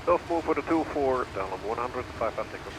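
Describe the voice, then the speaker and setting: A man with a Dutch accent, an airline pilot reading back clearances through a cockpit headset mic. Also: mid-range voice, animated. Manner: clipped, rapid, routine readbacks. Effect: pilot speaking through a cockpit headset mic. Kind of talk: terse radio readbacks to air traffic control. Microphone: headset boom mic. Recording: cockpit engine and air noise.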